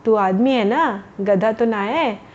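A woman's voice: a little high, slow pace, darkish tone, highs cut off, slight background noise. Woman doing a shrewd village merchant. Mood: bargaining. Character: shrewd middle-aged male village merchant, money-minded.

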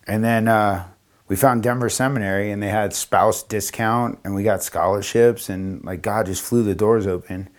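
A man's voice: lowish voice, normal speed. A man from Florida, a pastor, telling his story casually on a podcast and acting out the dialogue. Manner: animated, acts out quoted dialogue in a raised voice.

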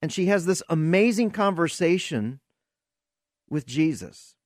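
Slow, earnest man preaching on a podcast. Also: on the high side, expressive, no room sound, clean studio sound. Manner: earnest, asks rhetorical questions, repeats words as he searches. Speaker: podcast host and Bible teacher. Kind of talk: preaching-style Q&A teaching.

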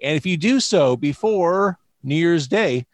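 A man's voice: fairly high pitch, expressive, measured pace. A man hosting a podcast in a casual, wordy way, repeating points for emphasis. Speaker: podcast host. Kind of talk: casual hosting and interview talk.

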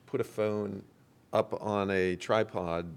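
A man hosts a relaxed panel conversation, working through ideas in a measured, thoughtful way and turning them into questions for the others. His voice sits very low, with a smooth, clean resonance. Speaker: host and company executive.

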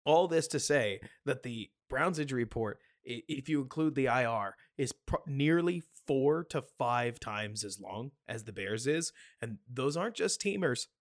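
A man co-hosting a sports podcast, thinking out loud about football in a loose, easy way. His mid-pitched voice has a noticeably gravelly, creaky edge. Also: expressive, moderate pace, few pauses. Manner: musing, loose and conversational. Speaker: podcast co-host. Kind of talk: casual sports podcast chat.

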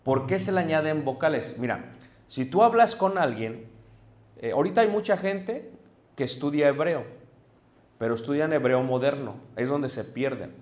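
A man's voice: a little high, expressive, moderate pace, darkish tone. A man preaching to a congregation, explaining things patiently and often stopping to check whether his listeners are following. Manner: addresses listeners directly, checks in with "ok?". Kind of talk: sermon teaching to a congregation. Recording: echoey room.

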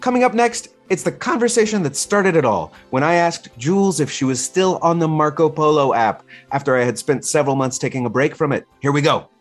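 Man host reading a scripted promo, animated pitch, faint music underneath. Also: brisk, hardly any pauses. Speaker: podcast host. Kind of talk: scripted podcast intro and promo.

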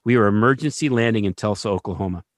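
A man telling a story in casual conversation, animated and often checking in with the listener. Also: fairly low pitch, fast, no echo, clean studio sound. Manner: animated, keeps asking "right?".

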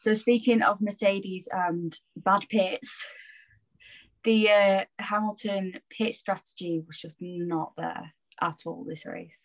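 A woman's voice: medium pitch, steady tone, slow pace, creaky, low-quality recording. A woman co-hosting a casual podcast, agreeable and easygoing in her talk. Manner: easygoing, agreeable, uses fillers like "I reckon". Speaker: podcast co-host. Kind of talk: casual chat.

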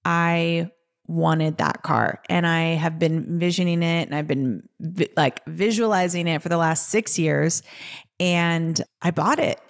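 A woman's voice: on the low side, fairly even intonation, a little slow, vocal fry. A woman hosting her own podcast, talking casually in a chatty monologue full of "like". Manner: chatty, peppered with "like". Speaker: podcast host.

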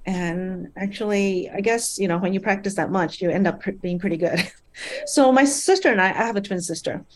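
A middle-aged woman from Malaysia, a guest talking about her nonprofit in a relaxed interview, pausing on fillers and laughing lightly as she goes. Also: medium pitch, slight background noise. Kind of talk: conversational interview.

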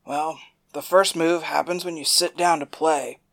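A woman's voice: low voice, fairly even intonation, measured pace. A woman reading a cocky male gunslinger. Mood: boastful. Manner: smooth-talking, boastful. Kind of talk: audiobook character voice.

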